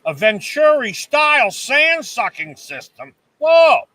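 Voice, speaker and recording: A man's voice: high-pitched, unhurried, no room sound, far from the mic, low-quality recording. A man hosting a casual live stream, chatting with viewers and reading their comments. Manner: chatty, animated, reads viewer comments aloud. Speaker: livestream host. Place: cabin.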